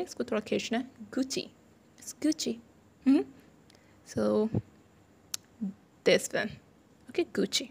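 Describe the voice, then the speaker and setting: A woman's voice: fairly high pitch, darkish tone. A young woman hosting a casual pronunciation lesson, repeating words and correcting mistakes. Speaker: host teaching brand pronunciations. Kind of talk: casual lesson in mixed Hindi and English.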